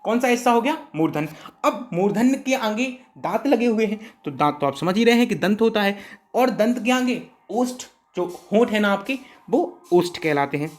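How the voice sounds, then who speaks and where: A male teacher giving an exam-prep grammar lesson. He keeps asking if students are following and repeats sounds slowly for them to copy. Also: high-pitched, animated.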